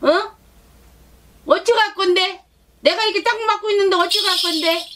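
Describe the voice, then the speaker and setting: A shaman speaks in a very high voice at a moderate pace, giving voice to a sulky, demanding child spirit. The spirit whines, pouts and coaxes, repeating tag questions again and again. A rattle sounds through loud noise on the recording.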